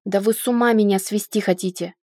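A woman's voice: medium pitch, steady tone, moderate pace, warm tone, no echo, clean studio sound, lightly acted. A woman reading the lines of a stern, irritable male doctor and supervisor who snaps out short demands. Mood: irritated. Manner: gruff, snapping short demands.

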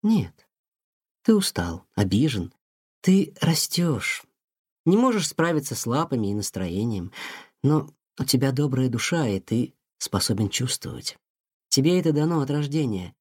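A man voicing a wise, gentle mother cat who speaks softly and soothingly. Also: mid-range voice, very animated, unhurried, husky, dry recording, clean studio sound. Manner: soft, soothing and tender. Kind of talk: audiobook character voice.

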